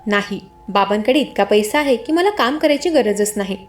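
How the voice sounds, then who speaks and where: A woman voicing a spoiled, quick-tempered young man in a spoken story, who snaps when he talks. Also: medium pitch, lively intonation, faint music behind, natural voice. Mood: irritated. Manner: irritable, snapping.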